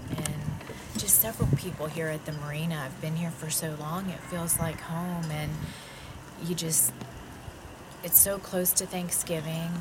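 Slow, low-voiced woman on a boat. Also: heavy background noise. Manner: slow, hesitant and heartfelt. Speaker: sailing vlogger. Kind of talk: casual reflective chat. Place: sailboat deck at night, outdoors.

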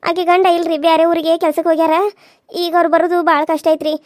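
A woman's voice: very high voice, flat delivery, fast talker, a little mellow, dry recording, clean studio sound. A woman voicing an older village aunt, caring and firm, talking steadily and earnestly with a North Karnataka Kannada accent. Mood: worried. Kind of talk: cartoon voice acting.

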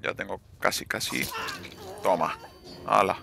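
A man's voice: low voice, steady tone, unhurried, vocal fry, sharp tone, soft background music. A young man commenting live on his gameplay, swearing and taunting the other players.

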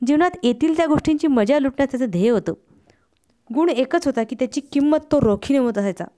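A woman who runs a study channel, reading a short story aloud in a steady, expressive storytelling manner. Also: high voice, quick pace. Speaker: story reader, channel host.

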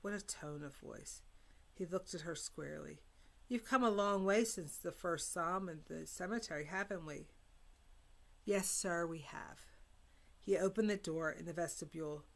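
Woman reading a novel aloud, gravelly. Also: lowish voice, moderate pace. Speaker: reader.

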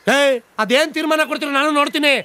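A raging village uncle hurls threats and insults at a fast clip. His voice sits very high and sounds bright and cutting. Film music plays faintly underneath. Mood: threatening. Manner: shouting threats, abusive. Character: hot-tempered loud village uncle, middle-aged man. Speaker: girl's maternal uncle.

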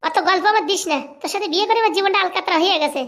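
A shrill nagging wife. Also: a bit bright. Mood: scolding. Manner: scolding, mocking, fast-talking. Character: nagging shrill village wife of a poor priest. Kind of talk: comic cartoon voice acting.

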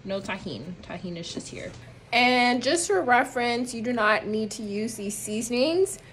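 Here the twentysomething vlogger sounds animated, with a fairly high pitch, a moderate pace, and a slightly bright tone. She talks casually to her phone camera about cooking in her small home kitchen and apartment room, meandering, self-deprecating, and heavy on fillers. Slight background noise and low-quality audio accompany her.

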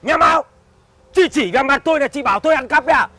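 Fussy old village man, high bright voice, talks fast and scolds. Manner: scolding, lecturing with proverbs. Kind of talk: comedy sketch acting.

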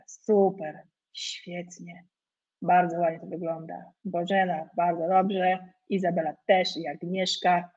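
A woman's voice: mid-range voice, slightly rough. A woman teaching an online English lesson, upbeat and full of praise, with small jokes along the way. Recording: lo-fi webinar audio.

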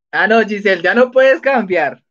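A man's voice: sits high, a bit bright. A man hosting a casual spelling quiz on a live stream, chatty and laughing often as he reads out answers. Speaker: spelling quiz livestream host. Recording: dull lo-fi sound.

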